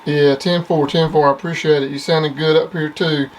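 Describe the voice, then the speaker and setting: A middle-aged or older man chats casually from a home CB base station, plainspoken and repeating CB radio jargon. His voice is a little high with little pitch movement, at normal speed, and faint background noise can be heard.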